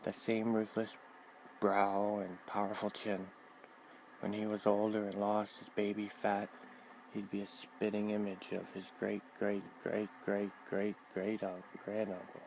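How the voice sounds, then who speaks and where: Low gravelly male audiobook narrator. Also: monotone, a little slow, a little mellow, a little hiss or hum, rough recording. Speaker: reader.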